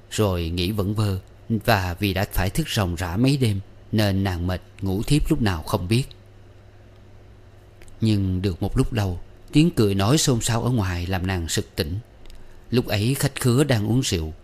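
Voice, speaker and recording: A man narrating a novel with measured, expressive reading. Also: fairly low pitch. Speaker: audiobook narrator.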